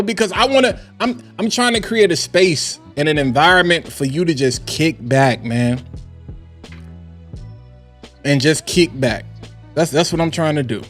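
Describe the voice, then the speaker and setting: A man hosting a livestream, ranting in an animated, hyped way that swings from loud to low and calm. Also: measured pace. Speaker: livestream host. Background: faint background music.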